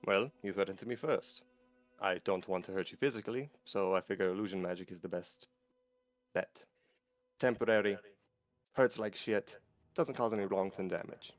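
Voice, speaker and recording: A man's voice: low-pitched, normal speed, pauses often, no room sound, soft background music, lightly acted. A man playing a young illusion mage in a tabletop game, earnest and wordy, by turns nervous and defiant. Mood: matter-of-fact.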